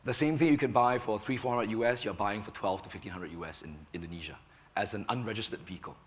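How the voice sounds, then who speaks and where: A hoarse man with a sore throat, speaking on a conference panel and explaining points in a measured, firm way. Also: on the low side. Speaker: panelist, company founder. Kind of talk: panel discussion.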